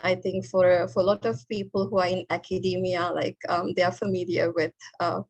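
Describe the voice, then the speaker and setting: A woman's voice: fairly low pitch, level tone, fairly quick, darkish tone, lo-fi sound. Hesitant woman presenting on a video call. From Sri Lanka. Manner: hesitant, many fillers. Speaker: guest speaker, postdoctoral researcher. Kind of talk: online presentation.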